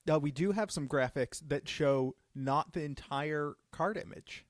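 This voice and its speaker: A man's voice: fairly high pitch, unhurried, dry recording, studio quality. A man hosting a live stream Q&A, casually revealing cards with enthusiasm. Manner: enthusiastic, upbeat card reveals. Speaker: judge program host.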